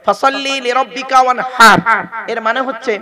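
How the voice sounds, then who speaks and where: A man's voice: very high voice, fairly even intonation, fairly quick. A man preaching a sermon to a live gathering, teasing and quizzing the crowd as he drills them on pronunciation. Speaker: Islamic preacher. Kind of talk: Bengali waz sermon to a crowd.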